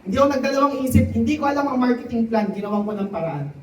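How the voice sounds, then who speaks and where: A man giving a motivational testimony to a live audience, often turning to the crowd with quick questions. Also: very high voice, lively intonation, a little hiss or hum. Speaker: testimonial speaker at a sales event. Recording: echoey hall, voice from a distance.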